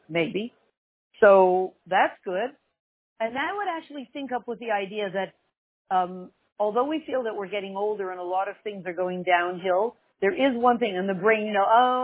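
Husky woman teaching over a tinny line. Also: mid-range voice, no room sound. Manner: conversational, wryly joking, repeats phrases for emphasis. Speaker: religious teacher and class host. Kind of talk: informal religious lesson. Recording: tinny, narrow phone-like sound.

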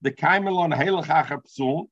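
A man's voice: on the high side, normal speed, a bit bright, husky, dry recording, highs cut off. A man with a Yiddish accent giving an informal Talmud lesson, reading and explaining, often repeating himself and answering his own questions. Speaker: Talmud teacher.

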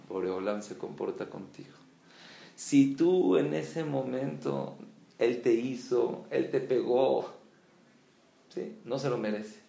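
A man gives a storytelling sermon in a gravelly voice. He acts out the characters' lines animatedly. The recording is roomy and echoey, with faint ambience behind him. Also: slight background noise. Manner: animated, acts out quoted dialogue with rising pitch. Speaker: religious teacher.

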